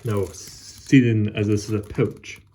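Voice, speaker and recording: A man chatting casually as a solo vlog host, with an unhurried, rambling and halting delivery. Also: fairly low pitch, fairly even intonation, warm tone, a little hiss or hum. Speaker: host of a pipe tobacco vlog. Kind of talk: casual solo chat to camera.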